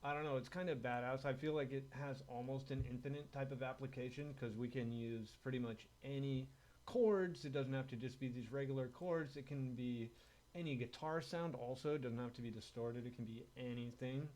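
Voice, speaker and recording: While demonstrating a guitar and production setup, a man chats in laid-back bro style, slangy and sweary, in an informal music tech demo. His voice is medium-pitched and a little mellow, at a moderate pace.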